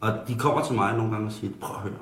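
A man playing a tactless, halting radio host. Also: lowish voice, a bit bright, a little hiss or hum, lightly acted. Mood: explaining. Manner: halting, full of ums and restarts. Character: tactless male radio host who blurts dark jokes. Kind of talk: satirical talk-radio banter. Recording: roomy studio echo.

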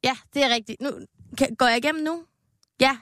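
A woman's voice: high-pitched, fairly bright tone, no echo, studio quality. A woman with a North Jutland accent, a podcast guest who talks hesitantly and plays along. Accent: North Jutland Danish. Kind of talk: casual comedy podcast chat.

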